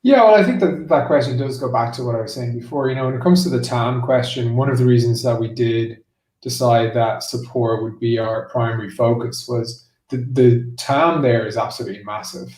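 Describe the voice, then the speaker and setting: A man whose mid-range voice is a little mellow talks fairly quickly as a marketing executive guesting in a business interview. His explanations are loose and full of "like" and "you know," and he sounds distant from the mic amid roomy echo.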